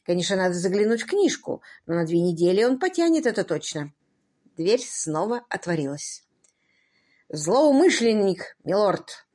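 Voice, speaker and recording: A woman narrating an audiobook in an expressive, wry manner. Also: on the low side, brisk.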